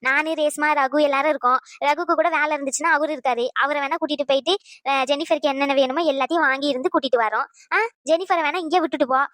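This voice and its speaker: Woman voicing a fast-talking cartoon mother. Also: high-pitched, steady tone, fairly bright tone, dry recording, clean studio sound. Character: caring middle-aged mother, warm but bossy. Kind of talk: cartoon voice acting.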